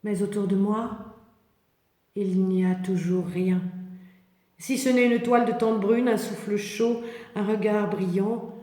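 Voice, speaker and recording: A woman reading a scripted, poetic biblical meditation in the first person, in a contemplative, measured manner. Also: mid-range voice, fairly even intonation, warm tone. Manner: slow, poetic, contemplative delivery with measured phrases. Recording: echoey hall with long reverb.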